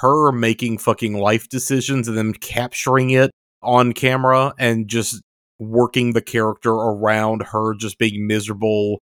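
A man's voice: fairly low pitch, flat delivery, moderate pace, fairly bright tone, clean tone, no echo. Guy on a horror podcast, dry close mic, acts out lines while he tells the story. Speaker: podcast co-host. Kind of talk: casual chat.

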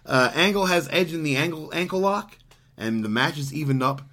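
A man's voice: fairly high pitch, animated, fairly quick, sharp tone. A man co-hosting a podcast, recapping old wrestling shows in a casual, rambling way, swearing freely and laughing often. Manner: rambling, profane, laughs often, frequent fillers. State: hiccuping. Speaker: podcast co-host.

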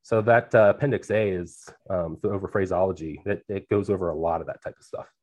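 A man's voice: low voice, steady tone, brisk, a little mellow, dull audio. Man, air traffic controller and guest. Plain, practical explainer with easy laughs, speaking over a remote call. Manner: explains plainly, laughs easily, many restarts. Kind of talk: conversational interview.

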